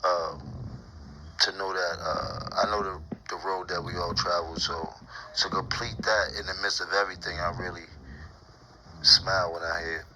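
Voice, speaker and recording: A man's voice: low-pitched, flat delivery, normal speed. A man hosting an interview show, introducing his guest in a friendly way and asking questions with many ums and uhs. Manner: friendly, hesitant, many fillers. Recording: noticeable background noise.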